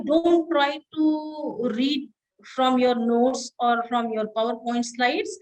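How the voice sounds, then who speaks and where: A woman, an associate professor giving a classroom lecture on presentation skills, checking in often with "all right?" and slowing down to stress key words. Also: fairly high pitch, poor audio. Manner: instructive, repeats "all right?" to check understanding.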